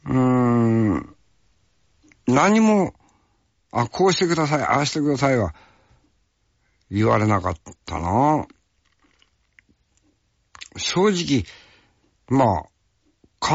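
Slow, folksy man reminiscing. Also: mid-range voice, no echo, muffled recording. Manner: rough, folksy, peppers speech with tag questions. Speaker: actor. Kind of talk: casual storytelling reminiscence.

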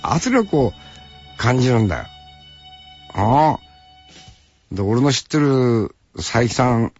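A man from Hokkaido, a musician, rambling casually on the radio with rough, folksy speech. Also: medium pitch, no echo, highs cut off. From Hokkaido, Japan. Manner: rambling, folksy, drops rough sentence-final particles. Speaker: musician talking after concerts.

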